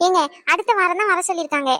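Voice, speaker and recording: A woman's voice: very high voice, quick pace, sharp tone. Woman voicing a playful pregnant cartoon wife. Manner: coaxing, playful, giggly. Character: cheerful pregnant young wife, teasing and loving. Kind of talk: cartoon voice acting.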